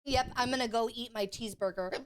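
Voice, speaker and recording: A woman's voice: fairly high pitch, fast, a little hiss or hum. A young woman streaming games who chats casually, rambles and swears, with the hiccups. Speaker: gaming streamer. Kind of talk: casual livestream chat.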